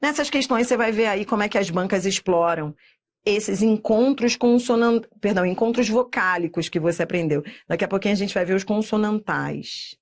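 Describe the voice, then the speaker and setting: A middle-aged woman with a Brazilian Portuguese accent, teaching a recorded exam-prep lesson and drawing words out slowly, often checking in with "tá?". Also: on the high side. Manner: slow, drawn-out spelling of words with frequent checks like "tá?".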